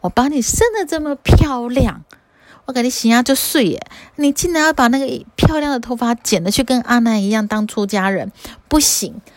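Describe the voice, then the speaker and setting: A woman's voice: a little high, normal speed, dry recording, voice pushed up, natural voice. Woman doing an upset scolding mother. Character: upset protective mother of a young girl.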